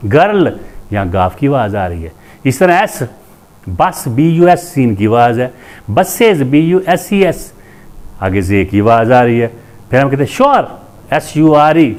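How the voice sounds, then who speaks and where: Slow, deliberate male grammar teacher. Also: medium pitch, darkish tone. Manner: deliberate, repeats terms and spells letters aloud; opens with a religious invocation. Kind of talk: classroom lecture.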